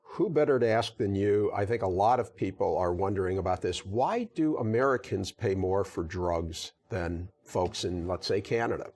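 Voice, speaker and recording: A man hosts a TV interview, with a voice a bit lower than most. He asks curious, conversational questions and keeps things moving with short mm-hmms and rights. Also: moderate pace, few pauses, a little mellow. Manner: inquisitive, frequent mm-hmm backchannels. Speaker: TV interview host.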